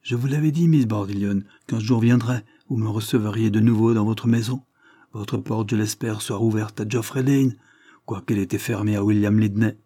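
A man's voice: lowish voice, fairly even intonation, normal speed, close to an everyday voice. A man reading aloud, voicing a cheerful, buoyant young nobleman. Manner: buoyant, warm-hearted.

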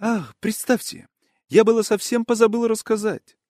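A man voicing a fussy, gossipy middle-aged man who talks in an excited, ingratiating, old-fashioned polite way, in an audiobook. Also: sits high, normal speed, no echo, studio quality, pitched above the performer's own voice. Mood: excited gossip. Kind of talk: audiobook character voice.

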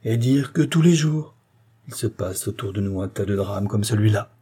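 A man reading a middle-aged notary telling a sad tale in an audiobook, somber, with a husky voice. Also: fairly low pitch, expressive, moderate pace, dark tone.

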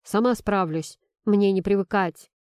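A defensive young pregnant woman , voiced by a woman narrator, answering in clipped, sharp retorts. Her tone is mellow and warm despite the edge. The sound is dry and close to the mic. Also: mid-range voice, unhurried, smooth, dry recording, lightly acted. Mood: indignant.

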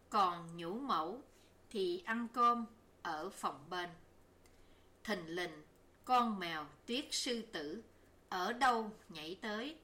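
A woman reads a novel aloud as an audiobook narrator, in a measured, even storytelling manner. She takes her time, and her voice sounds bright and a little tense. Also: mid-range voice.

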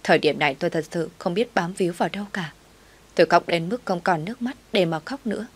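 A woman narrates a first-person audio story in a low voice. Her reading is sorrowful and reflective. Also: fast talker, slightly rough.

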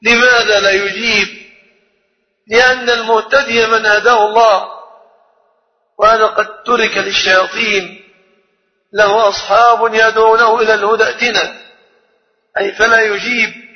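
A man's voice: high-pitched, flat delivery, moderate pace, long pauses. A man teaching a religious lecture, speaking emphatically and posing rhetorical questions to his listeners. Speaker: Quran teacher. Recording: long reverb, dull lo-fi sound.

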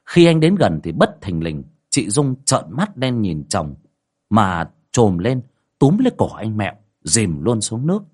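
A man with a low, husky voice narrating a ghost story. His pitch rises and falls dramatically as he tells it. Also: huge pitch swings, measured pace, a little mellow.

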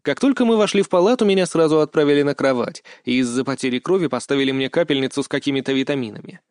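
A man narrating a first-person audiobook in a measured, wry storytelling manner. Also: on the high side, a little mellow, clean tone, no echo, clean studio sound.

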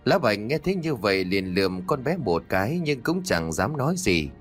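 Male narrator, low and lively, ghost-story reading over soft music. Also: moderate pace. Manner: expressive storytelling. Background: faint music.

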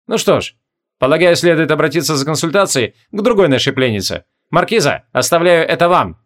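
A man's voice: on the high side, expressive, fairly quick, fairly bright tone. A man voicing a polite, thoughtful king in an audiobook, courteous and composed.

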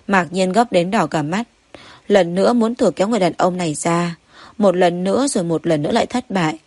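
Low-voiced woman reading a story. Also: brisk, darkish tone, dry recording. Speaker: audiobook narrator. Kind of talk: scripted story narration.

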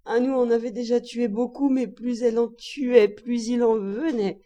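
A woman narrating a classic novel as an audiobook, expressive and lively, jumping high for the characters' cries. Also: moderate pace. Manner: expressive, raises pitch sharply for quoted cries. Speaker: audiobook reader.

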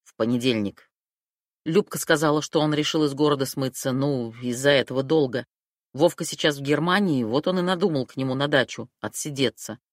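A woman's voice: brisk, no room sound, studio quality. Woman voicing a jumpy hot-tempered young thug. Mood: tense, grim. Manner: lowered voice, blurts, shouts when accused. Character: jittery scared young man, hot-tempered.

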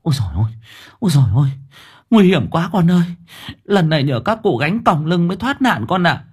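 A man's voice: a little high, sing-song, fairly quick, darkish tone, husky, voice pushed up, heavily acted. A man voicing an anxious older village mother who wails and exclaims. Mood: frightened. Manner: wailing, exclaiming.

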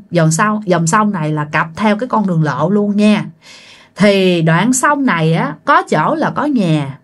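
Woman, chatty ghost story, talks right to you, mid pitch. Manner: chatty, addresses listeners directly. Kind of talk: casual spoken ghost story.

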